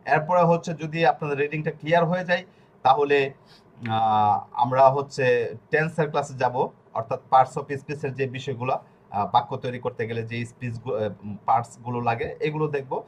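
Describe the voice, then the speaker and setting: A man's voice: medium pitch, a little fast. A man with a Bangladeshi Bengali accent, teaching an online language class and spelling out sounds patiently.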